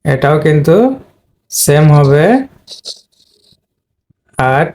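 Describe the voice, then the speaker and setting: A man teaching English pronunciation, explaining step by step and slowly repeating each word. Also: fairly high pitch, level tone, creaky, a little mellow, a little hiss or hum. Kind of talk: explaining at a board.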